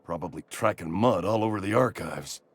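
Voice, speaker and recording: A man's voice: low-pitched, brisk, a little hiss or hum, lightly acted. An actor playing a fretful, ailing old man in a video game, theatrically doleful and sure he is dying, with old-fashioned turns of phrase. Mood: anxious, pleading. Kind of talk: video game character dialogue.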